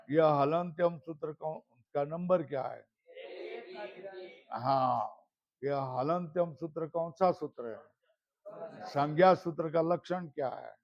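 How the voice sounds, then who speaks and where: A man's voice: a little high, creaky. A man teaching a Sanskrit grammar class, quizzing his students and chanting the terms back in a drill. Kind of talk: classroom lesson with question and answer drills. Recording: slightly dull lo-fi recording.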